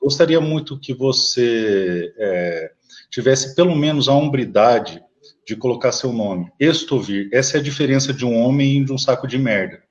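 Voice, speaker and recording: A man's voice: mid-range voice, expressive, normal speed. Man, Brazilian Portuguese accent, blunt and combative, dull lo-fi audio. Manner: combative, blunt, swears at viewers. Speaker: lawyer, live stream guest. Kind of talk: heated political live chat.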